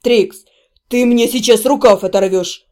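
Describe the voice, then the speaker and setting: A woman voicing a calm, ironic young male necromancer in a storybook reading, speaking softly and with mockery. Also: medium pitch, moderate pace, voice pushed down, natural voice. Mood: exasperated. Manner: soft, mocking.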